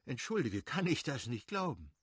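A man voicing a good-natured, effusive middle-aged nobleman who pleads warmly with his brother-in-law. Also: medium pitch, big pitch swings, normal speed, breathy edge, no echo, studio quality. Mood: effusive pleading. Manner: warm, effusive, imploring.

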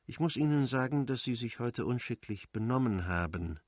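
A man reading the lines of a stiff, formal husband in an audiobook, measured and correct. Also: mid-range voice, expressive, no echo, close to an everyday voice.

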